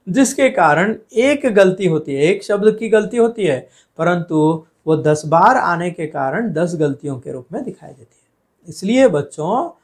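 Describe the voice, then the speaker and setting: A man teaching a spelling and pronunciation lesson, drawing out words slowly and asking questions he then answers himself. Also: sits high. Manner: slow, deliberate, stretches out words to model pronunciation. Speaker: Hindi teacher.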